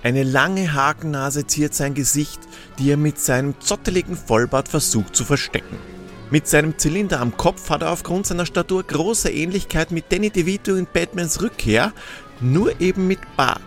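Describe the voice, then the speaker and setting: A man narrating a comic story in a playful, expressive way. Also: fairly high pitch, moderate pace, faint music behind.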